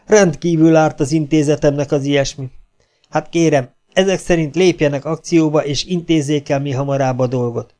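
A man's voice: fairly high pitch, darkish tone, pitched above the performer's own voice, natural voice. A man reading an audiobook, voicing a fussy, formal chief physician of an asylum. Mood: relieved.

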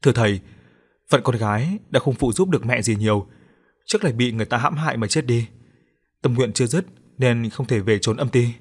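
A man's voice: mid-range voice, lively intonation, fairly quick, breathy edge. A man voicing a young woman's ghost in a ghost story, speaking in a pleading, tender way. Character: gentle young woman ghost, dutiful daughter.

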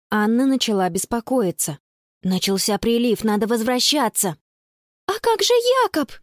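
A woman narrating a children's audiobook with expressive storytelling. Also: a little high, dry recording, studio quality.

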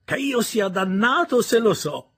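A man playing a surly, insolent workman with a gruff, sullen drawl. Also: a little high, very animated, normal speed, pitched above the performer's own voice, heavily acted.

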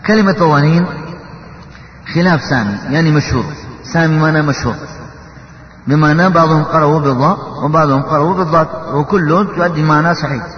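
A man teaching Quran recitation, explaining how letters are articulated and slipping into slow chanted verses. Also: fairly high pitch, a little hiss or hum. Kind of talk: tajwid lesson. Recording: echoey hall, dull lo-fi sound.

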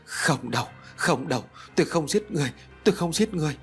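A man voicing a frightened older grandmother who cries out in high, pleading tones. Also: expressive, a little fast, soft background music, lightly acted. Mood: wailing.

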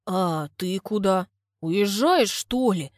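A woman's voice: mid-range voice, lively intonation, slow, dry recording, studio quality. A woman voicing a cheerful, chatty village lad passing on gossip.

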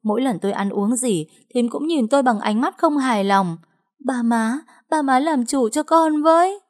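A woman voicing a scheming young pregnant wife who wails and accuses in a tearful, shrill voice. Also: expressive, normal speed, lightly acted. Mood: whining accusing.

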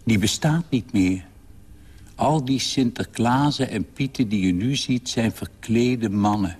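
A man reading a story, voicing a calm, somber mother who speaks soothingly and plainly. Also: mid-range voice, measured pace, breathy edge. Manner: soothing, matter-of-fact.

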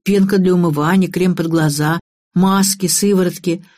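A woman's voice: on the low side, steady tone, moderate pace, a little mellow, no echo, clean studio sound, close to an everyday voice. A woman reading the part of a curious, eager young female operative in an audiobook.

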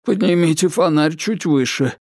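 A man's voice: fairly high pitch, a little mellow, no echo, clean studio sound, voice pushed up. A man doing a nervous whispering writer, whispered role-play. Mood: anxious whisper. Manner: tense, halting whisper. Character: anxious, agitated male writer whispering.

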